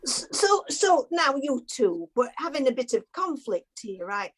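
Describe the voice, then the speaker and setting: A fussy, gushing webinar participant, played by a woman in improv. Her voice sits a little high. She fills her talk with hedges and fawning. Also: very animated, measured pace, breathy edge, full character voice. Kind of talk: improv comedy.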